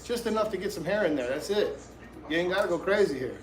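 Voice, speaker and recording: A barber with a high-pitched, lively voice hosts a live haircut tutorial, talking fast in casual slang straight to his viewers. The recording is rough and reverberant.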